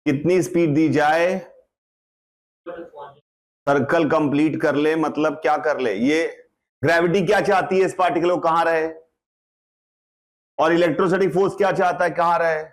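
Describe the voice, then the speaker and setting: A man's voice: a little high, steady tone, measured pace, long pauses. A man teaching a physics lecture in mixed Hindi and English, explaining step by step and often checking that students follow. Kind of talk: classroom lecture.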